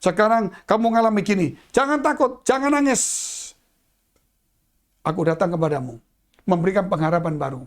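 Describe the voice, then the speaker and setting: A man preaching a sermon in a dramatic, swinging style, dropping to hushed tones and rising again as he addresses the congregation. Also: high voice, a little fast. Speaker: pastor. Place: church.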